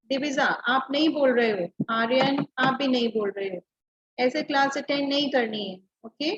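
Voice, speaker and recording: A woman teacher with an Indian accent, giving an online class and slowly drilling pronunciation with her pupils. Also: high-pitched. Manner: slow, explains in mixed Hindi and English, drills pronunciation. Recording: dull lo-fi online class audio.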